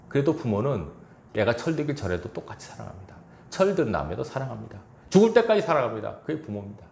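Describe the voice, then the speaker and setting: A man's voice: fairly low pitch, vocal fry, a little mellow, echoey room. A man pastor preaching a sermon in a church, chuckling now and then and acting out quoted lines. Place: church sanctuary.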